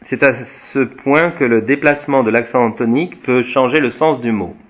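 A man teaching a Latin class, reading from a textbook and adding his own remarks, with many restarts and tags like "hein" and "voyez". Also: medium pitch. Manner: slow explanatory, tags sentences with "hein" and "voyez", frequent restarts; spells out Latin words slowly, chanting declensions. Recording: dull lo-fi recording.

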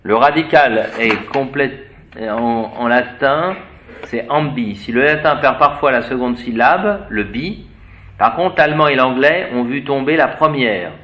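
Man, slow deliberate etymology teacher, spells words letter by letter, halting and musing. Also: mid-range voice, expressive, fairly bright tone, dull audio. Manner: hesitant, searches for words with fillers. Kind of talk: unscripted etymology lecture.

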